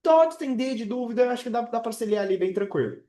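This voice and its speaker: A man's voice: very high voice, animated, fast, warm tone, reverberant. A man in his twenties teaching English in a casual live online class, chatty and full of fillers and check-ins with his students. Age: 20s.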